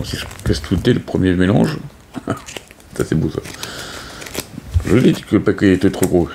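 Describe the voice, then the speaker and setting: With a deep, gravelly, somewhat mellow voice and slight background noise, a board game host casually explains how to set up a game. The unscripted tutorial is full of hesitation, fillers, and restarts.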